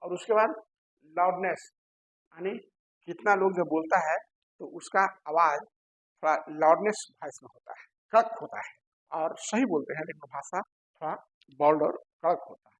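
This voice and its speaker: Husky-voiced male teacher quizzing his class. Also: on the high side, lo-fi sound. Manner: asks rhetorical questions and answers them himself; repeats key terms slowly for emphasis. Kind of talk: classroom lecture.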